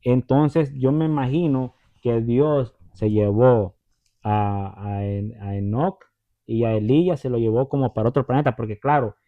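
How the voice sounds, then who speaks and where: A man's voice: mid-range voice, fairly even intonation, a little slow. A man giving a conversational Bible teaching who retells stories and often checks in with his listeners through tag questions. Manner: retells stories, acting out the voices. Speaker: preacher. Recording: tinny phone-like sound.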